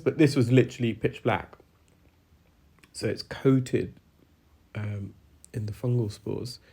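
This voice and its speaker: With a medium-pitched, darkish voice made stuffy and congested by a cold, a British male audiologist talks through a clinical demonstration. His explanations are hesitant and peppered with fillers.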